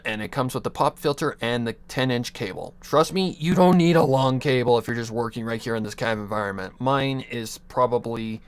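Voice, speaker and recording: With no echo on the recording, a young man's slightly bright, mid-range voice comes through his USB desk mic at his home computer desk. He's livestreaming, giving rambling advice punctuated by restarts, chuckles and offhand swearing.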